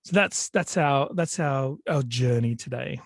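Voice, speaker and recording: In a clean studio sound with no room tone, a man with a mid-range voice and a head cold gives a storytelling talk over a video call. He's a little slow, sniffly, and hesitant, often using fillers and starting over.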